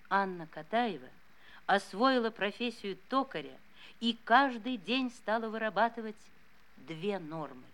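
A woman narrating a scripted documentary gravely and expressively, letting phrases sink softly at the end. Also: medium pitch.

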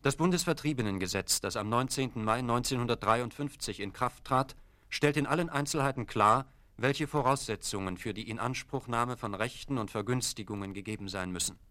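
A man narrating a documentary in a measured, formal scripted delivery. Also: medium pitch, sharp tone.

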